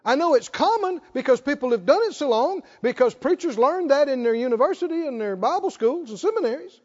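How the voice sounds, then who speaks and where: High-pitched animated preaching man. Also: a little fast, muffled recording. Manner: emphatic preaching with call-and-response prompts. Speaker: pastor. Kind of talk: sermon.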